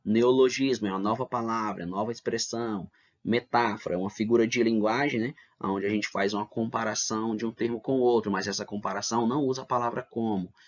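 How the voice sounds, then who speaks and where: A man's voice: on the low side, fairly even intonation, fast. A man teaching an online lesson, explaining step by step and checking in with "né?" and "tá bom?". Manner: explains step by step, asks rhetorical questions, adds "né?" and "tá bom?". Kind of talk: online lesson for middle school. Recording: dull lo-fi lesson recording.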